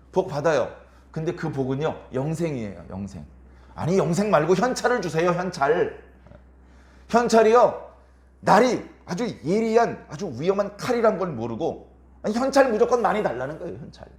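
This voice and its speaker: A man's voice: sits high, darkish tone. A male pastor preaching a Sunday sermon in a church, asking the congregation rhetorical questions and acting out quoted lines. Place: church sanctuary. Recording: echoey church room.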